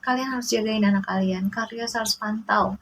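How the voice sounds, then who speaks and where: A woman in her forties, a mother speaking in a casual to-camera monologue, emotional and halting, often addressing her listeners directly, indignant and protective. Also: mid-range voice, fairly even intonation, slight background noise, low-quality recording. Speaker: mother sharing a personal story.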